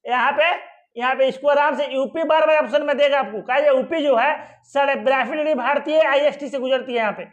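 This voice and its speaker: Guy teaching geography off a map, high voice, asks stuff then answers it himself, keeps saying ok and easy, kinda muffled lo-fi sound. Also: fairly quick. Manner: asks questions and answers them himself, repeating "ठीक है" and "आराम से". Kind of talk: exam-prep geography lesson at a map.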